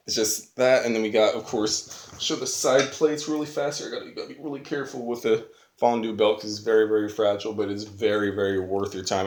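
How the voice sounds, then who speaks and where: Recorded on a phone camera with a roomy echo, a man gives an unscripted video review as an online host, rambling enthusiastically in slangy, everyday language. His voice is lowish with a darkish tone.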